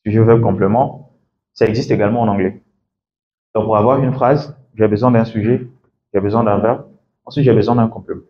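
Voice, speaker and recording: A man's voice: lowish voice, steady tone, fairly quick, highs cut off, a little hiss or hum. A man working as an English coach gives a classroom lecture, explaining step by step and often checking in with "d'accord?".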